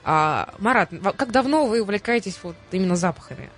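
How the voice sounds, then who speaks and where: Женщина-радиоведущая непринуждённо болтает в эфире, поддразнивает и перебивает собеседников. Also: female voice, medium pitch, lively intonation, brisk. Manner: teasing, interjecting. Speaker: radio host. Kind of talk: casual chat on air. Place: radio studio. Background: clear music.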